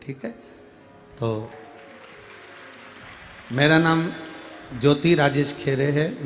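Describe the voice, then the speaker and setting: A male preacher delivers a devotional sermon into a stage microphone before a huge crowd, speaking in a medium voice. He reads a letter aloud and talks straight to the listeners, his voice rising and growing louder on emotional words. Soft devotional music plays faintly behind him. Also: mid-range voice. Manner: emotive, swells loud on key words, addresses the crowd directly. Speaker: kathavachak preacher. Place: large crowded outdoor religious gathering.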